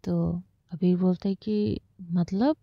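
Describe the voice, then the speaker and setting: A woman's voice: fairly low pitch, fairly even intonation, slow pace, no room sound. A woman narrating a romance story in a casual, plain way, with many fillers. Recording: slightly dull lo-fi recording.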